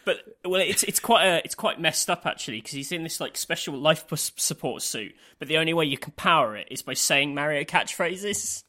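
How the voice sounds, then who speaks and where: A man's voice: fairly high pitch, expressive, fairly quick, hardly any pauses, pushed and bright. A man co-hosting a podcast, joking and rambling with plenty of fillers. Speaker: podcast co-host. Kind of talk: casual chat.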